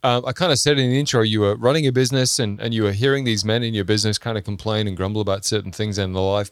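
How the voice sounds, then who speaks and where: A man's voice: on the low side, clean tone, dry recording, studio quality. A man co-hosting a podcast, interviewing in an informal, conversational and rambling way. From Ireland or Britain. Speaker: podcast co-host.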